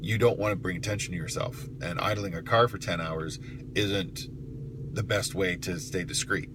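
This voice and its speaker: A middle-aged man with a very low voice talks casually, as if explaining his job to viewers. He is matter-of-fact and emphatic, breaking his sentences into halting pieces. Clear vehicle noise runs behind him. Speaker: private investigator telling of the job. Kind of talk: casual vlog monologue with storytelling. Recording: clear steady car noise.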